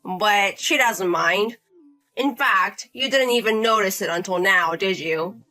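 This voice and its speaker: In a drama story, a woman voices a condescending, entitled, bullying brother-in-law, a man in his 30s who scolds, demands, and talks down to everyone. Her bright, ordinary-pitched voice keeps a sneering, bossy, defensive edge at a measured pace. Faint music plays behind a rough recording.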